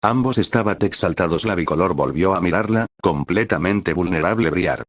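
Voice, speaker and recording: A man with a very deep voice narrates a romance story in an even, measured way. The recording is dry and close, with no room sound. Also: no echo.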